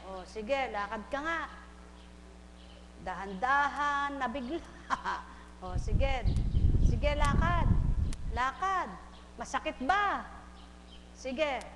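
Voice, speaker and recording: High-voiced woman faith healer, slow and teasing. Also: animated, long reverb tail, noisy background. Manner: playful and teasing, short repeated questions. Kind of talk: live healing session, questioning a patient.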